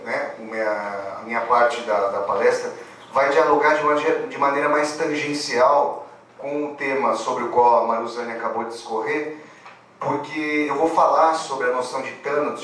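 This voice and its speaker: A man's voice: mid-range voice, a bit bright. A man in his thirties giving an academic lecture, wandering into asides and restarting his phrases. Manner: digressive, full of asides and restarts. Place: lecture hall with an audience. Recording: very echoey hall, mic far off.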